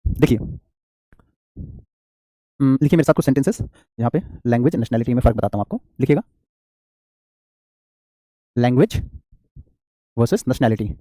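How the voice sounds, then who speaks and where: A man's voice: mid-range voice, animated, moderate pace, long pauses, mellow, dry recording, studio quality. A man teaching an English grammar class, explaining patiently and asking his students questions. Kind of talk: classroom lesson.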